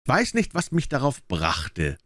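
A dazed, drunken jester dwarf, voiced by a male narrator who answers in a flat, lifeless tone. His voice sits a little higher than the narrator's. The storybook reading is dry and close. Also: unhurried, no echo. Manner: flat, expressionless. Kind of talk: audiobook character voice.

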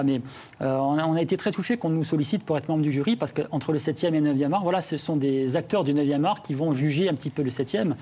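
A comic book writer talking in a TV studio, hesitant and earnest, with many fillers. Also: male voice, medium pitch, mellow, breathy edge. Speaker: comic book writer, festival jury member. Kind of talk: TV studio talk.

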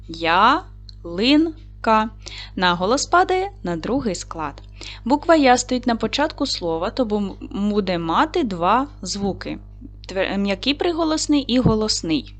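A woman teaching a recorded primary school lesson, patiently asking questions and slowly spelling out sounds and syllables. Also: mid-range voice. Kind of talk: recorded video lesson for children.

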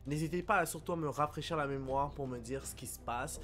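A young man with a Québécois French accent giving casual reaction commentary, excitable and apologetic, blurting out English exclamations. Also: on the high side, brisk, faint music behind. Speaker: anime reaction YouTuber.

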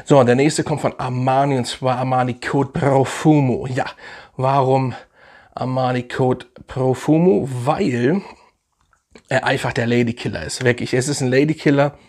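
A man's voice: mid-range voice, fairly even intonation, normal speed, a little mellow. A young man casually reviewing fragrances in a vlog, enthusiastic and slangy, rambling with fillers.

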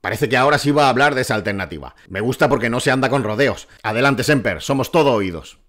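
A man's voice: mid-range voice, lively intonation, fast talker, fairly bright tone. Mocking, foul-mouthed male commentator. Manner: mocking, crude, swears freely. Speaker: political commentator. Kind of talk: sarcastic commentary over a clip.

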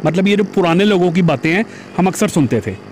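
Fast and lively, with a high pitch and a darkish tone, a Pakistani motovlogger chats to his viewers as "janab" while riding a motorbike along a busy city road. The helmet-mounted camera recording has a little hiss or hum.

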